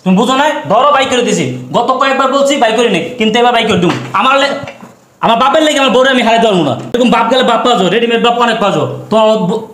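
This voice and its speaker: A man's voice: extremely high pitch, rapid-fire, fairly bright tone, a little hiss or hum. An actor playing a brusque young husband who throws his father out to please his wife. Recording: echoey room.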